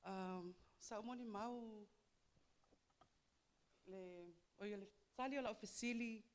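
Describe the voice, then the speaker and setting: A woman from Samoa with a Samoan accent gives a heartfelt, halting church testimony for Mother's Day, moving between languages. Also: medium pitch, a little hiss or hum. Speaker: church member giving a testimony.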